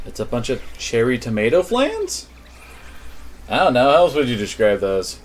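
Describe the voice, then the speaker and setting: A man with a mid-pitched, very animated voice gives casual game commentary. He streams with wry, sarcastic asides. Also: normal speed, a little hiss or hum.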